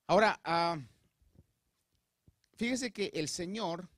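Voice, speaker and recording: A man's voice: high voice, slow, dry recording, clean studio sound. A male pastor preaching a sermon, talking straight to his congregation and checking in with them often. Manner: addresses the congregation directly with frequent check-ins; animated, preacherly delivery with rising emphasis. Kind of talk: Spanish-language sermon.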